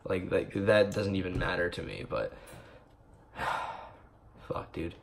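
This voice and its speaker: Young dude ranting about a movie he loved, lowish voice, swears a ton, lots of ums and likes. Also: moderate pace, vocal fry. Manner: rambling, excitable, swears a lot, many fillers. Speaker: vlogger reviewing a movie. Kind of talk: casual spoiler-filled movie review.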